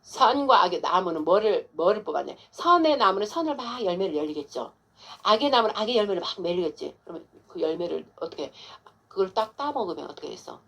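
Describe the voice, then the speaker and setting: A woman's voice: mid-range voice, big pitch swings, fairly quick, fairly bright tone. A woman pastor giving an informal, emphatic sermon to a congregant, coaxing with frequent rhetorical questions.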